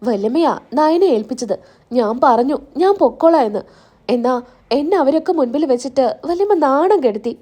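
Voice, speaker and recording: A scheming young woman full of scorn and self-pity, read out by a woman narrator. The voice sits high and mellow, mocking one moment and complaining the next. It keeps the plain, spoken feel of a serial recap. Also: animated, normal speed.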